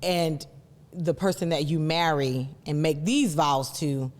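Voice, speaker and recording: A woman's voice: low-pitched, takes it slowly, darkish tone. A woman co-hosting a casual discussion, explaining earnestly and leaning on key words, in an echoing room. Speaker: co-host. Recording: reverberant room with long echo.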